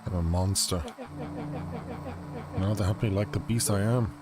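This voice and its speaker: A man's voice: low-pitched, fairly even intonation, a little slow, crowd noise. A man reading out the lines of a guilt-ridden, frightened undead monster from a game. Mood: bitter. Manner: reading game dialogue aloud plainly.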